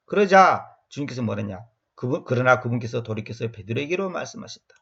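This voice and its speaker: Emphatic husky-voiced man lecturing on scripture. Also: lively intonation, fast, fairly bright tone, muffled recording. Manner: emphatic, repeats words, acts out quotes with sudden pitch jumps. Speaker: Bible teacher. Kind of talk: expository Bible lecture.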